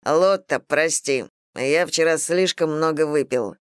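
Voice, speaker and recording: Brief: guilty young husband, low and shaky, read by a woman, dry close sound. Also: measured pace, clean tone, dry recording. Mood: remorseful. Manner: shaky, apologetic. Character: remorseful young husband and king's son.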